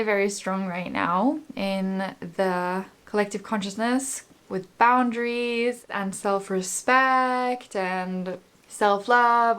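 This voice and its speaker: A woman hosting an energy healing channel, speaking gently and soothingly as she guides a spiritual relaxation. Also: medium pitch.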